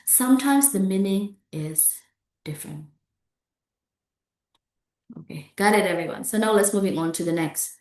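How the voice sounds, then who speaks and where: A woman's voice: medium pitch, lively intonation, moderate pace, long pauses, darkish tone. A woman with an Indonesian accent giving a pronunciation lecture, often checking in with "okay" and "yeah" and making small grammar slips. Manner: non-native grammar slips. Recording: roomy echo.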